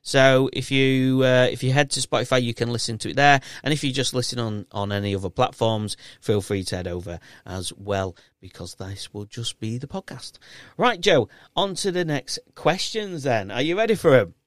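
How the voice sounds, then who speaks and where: A man's voice: mid-range voice, moderate pace, dry recording, studio quality. A man with a thick Yorkshire accent hosting a casual podcast in a chatty, encouraging, matey way. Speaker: podcast host and quizmaster.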